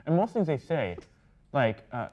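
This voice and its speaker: A man's voice: a little high, very animated, normal speed, darkish tone, muffled recording, a little hiss or hum. A young man as a student guest, improvising with hesitant, rambling talk. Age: young adult. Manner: hesitant, rambling, laughs at himself. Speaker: guest student teaching accents. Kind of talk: improvised comedic chat.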